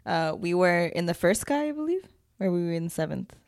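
A woman's voice: on the low side, big pitch swings, fairly quick, darkish tone, no room sound, clean studio sound. A young woman co-hosting a casual podcast, rambling with lots of fillers and frequent giggles. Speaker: podcast co-host. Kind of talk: casual chat.

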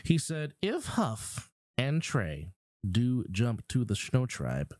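A man's voice: medium pitch, wildly swooping pitch, takes it slowly, darkish tone, no room sound, clean studio sound. A man co-hosting a sports podcast, reading off viewing options in an upbeat, promotional way. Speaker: podcast co-host. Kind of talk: casual podcast talk.

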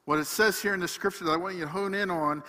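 A man preaching a sermon, emphatic, swinging between loud passages and hushed ones. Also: high-pitched, steady tone, quick pace, big-room sound.

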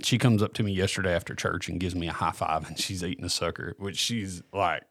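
A man's voice: sits low, fairly quick, no room sound, clean studio sound. A man who leads a church student ministry, telling stories in a casual chat and laughing often. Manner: lively storyteller, laughs often. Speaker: student ministry leader, co-host.

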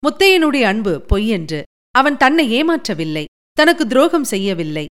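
A woman's voice: fairly high pitch, very animated, moderate pace, a bit bright. A woman narrating an audiobook with dramatic, emotive storytelling.

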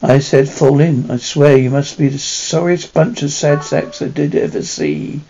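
A sneering, ghoulish horror-show drill sergeant, acted out by a man. The voice is creaky and rough, mocking and bullying, on a slightly dull recording. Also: fairly high pitch, normal speed, warm tone. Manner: barking insults, mocking.

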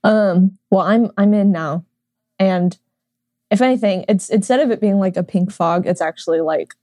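A woman's voice: medium pitch, moderate pace, mellow, no room sound, clean studio sound. A woman playing in a tabletop game, casually describing what her character does. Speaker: player.

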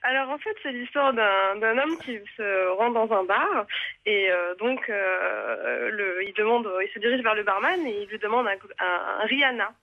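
A woman calling in to a radio show by phone, telling a joke haltingly with many fillers. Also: medium pitch, expressive. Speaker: caller. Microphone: phone line. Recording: muffled phone line.

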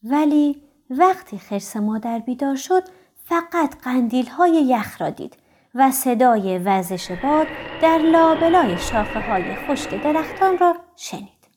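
A woman reading a children's storybook aloud with gentle, expressive storytelling. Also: high-pitched, a little hiss or hum. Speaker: audiobook narrator for children.

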